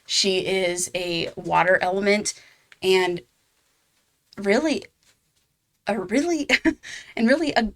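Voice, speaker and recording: A gaming channel host presents her own game guide video, chatting casually with fillers and laughing at herself now and then. Her voice is mid-range and a bit bright.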